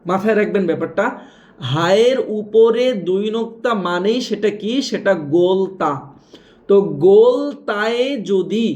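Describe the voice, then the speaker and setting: A man teaches Quran reading, spelling out letters and marks slowly, repeating them and quizzing his listeners. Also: high voice, darkish tone. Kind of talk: step-by-step spelling lesson.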